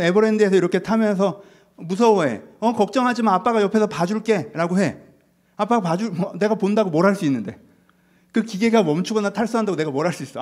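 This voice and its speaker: A man's voice: a little high, darkish tone. A middle-aged male pastor giving a conversational sermon, asking the congregation rhetorical questions.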